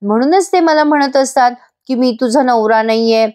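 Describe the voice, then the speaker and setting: A woman voicing a gentle, loving young bride in a voice-over episode recap, speaking softly and affectionately. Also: sits high, normal speed, close to an everyday voice. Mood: tender. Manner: soft, affectionate, pleading. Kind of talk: voice-over recap reading a character's lines.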